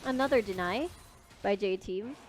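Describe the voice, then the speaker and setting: A young woman casting a live esports match, giving relaxed analysis. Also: mid-range voice, moderate pace, soft background music. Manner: relaxed analysis, laughs easily. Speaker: esports caster.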